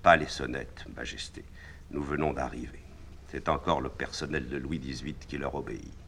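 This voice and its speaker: A man voicing a calm, sly police minister who answers dryly and with irony, read from a stage play. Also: deep voice, normal speed, slight background noise. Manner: calm, dry, ironic.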